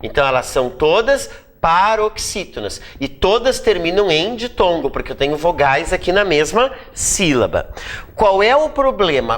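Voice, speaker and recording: A woman teaching a grammar lesson for exam prep, explaining step by step and stretching out key words for emphasis. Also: on the low side. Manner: drawn-out emphatic word-by-word explanations.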